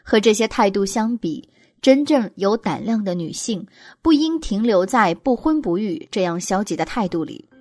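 A woman reading a scripted narration at a measured, even pace. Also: mid-range voice, no room sound, clean studio sound. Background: soft music.

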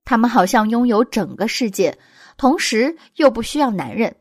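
A woman reading a scripted narration at a measured, even pace. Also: fairly high pitch, no echo, studio quality. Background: soft music.

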